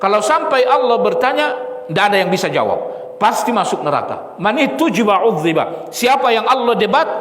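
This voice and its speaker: A man's voice: very high voice, very animated, brisk, a bit bright, a little hiss or hum. A male preacher giving a study sermon in a mosque, repeating key lines and asking the listeners rhetorical questions. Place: mosque hall. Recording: echoey hall with long reverb.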